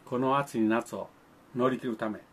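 A man's voice: mid-range voice, steady tone, normal speed, slightly rough. An older man, talking to children in a folksy, grandfatherly way, with old-fashioned speech and playful sound effects. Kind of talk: folksy monologue to the camera.

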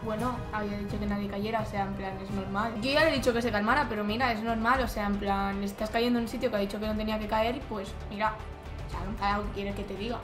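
A young woman chatting casually, calm and soothing, telling him to calm down. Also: medium pitch, fast talker, over music. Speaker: streamer's girlfriend. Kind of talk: casual chat.

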